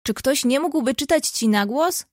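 A bold, lively teenage girl, read by a woman in a storybook, frank, brisk and cheerful. The voice is fairly high and recorded close and dry. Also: no echo.

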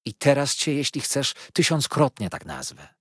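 A man's voice: big pitch swings, moderate pace, breathy edge, no room sound, clean studio sound. A man doing a tearful, pouting young wife. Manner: high, plaintive, sobbing delivery. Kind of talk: audiobook character voice.

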